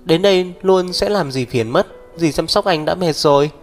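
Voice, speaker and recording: A man voicing a shy, gentle young woman, raising his voice into a lighter register. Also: on the high side, normal speed, pitched above the performer's own voice, natural voice. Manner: raised, lighter voice. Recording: long reverb, faint background music.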